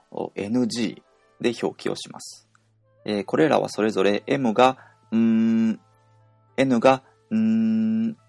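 A man teaching pronunciation in a podcast lesson, speaking haltingly with many fillers. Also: on the low side, gravelly, darkish tone, no echo. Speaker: language teacher.

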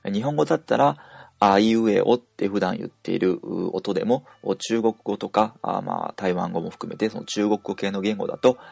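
A Japanese man teaching pronunciation in an audio language lesson, explaining patiently and pausing to demonstrate sounds. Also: lowish voice, vocal fry, a little mellow, breathy edge, no room sound.

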